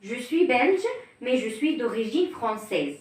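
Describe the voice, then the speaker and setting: A woman's voice: on the high side, animated, takes it slowly. Echoey, distant woman reading scripted lines. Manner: reads short scripted lines plainly. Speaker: dialogue reader in a lesson. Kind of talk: scripted learner dialogue. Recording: very echoey room, voice from far off.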